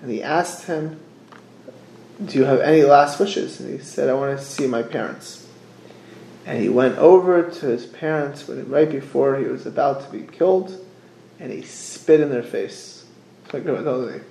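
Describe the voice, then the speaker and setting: A middle-aged man with gives an informal religious sermon, haltingly repeating phrases and posing rhetorical questions. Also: medium pitch, vocal fry, dark tone. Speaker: rabbi giving a religious class. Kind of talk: informal sermon, explaining texts with anecdotes. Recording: echoey room.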